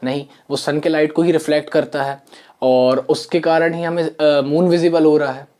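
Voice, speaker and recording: Guy teaching science quietly, lots of uh and repeating himself, small room. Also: fairly high pitch, steady tone, moderate pace. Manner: explains step by step with many fillers and repeats; soft-spoken. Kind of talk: classroom lesson. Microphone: camera mic.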